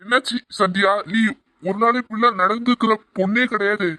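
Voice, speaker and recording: A man's voice: high-pitched, fairly even intonation, normal speed, pushed and bright. A man voicing a kind uncle who comforts and reassures. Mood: gentle, comforting. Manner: soothing, reassuring.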